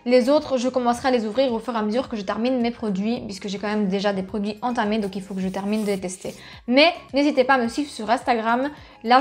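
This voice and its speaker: A woman with an Italian accent talks her way through a beauty unboxing on her channel. Her voice sits fairly high, and she chatters eagerly, reading out the product details. Faint music plays underneath. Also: darkish tone. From Italy. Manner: chatty, enthusiastic, reads product blurbs aloud. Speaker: beauty vlogger. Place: at home, filming on a phone.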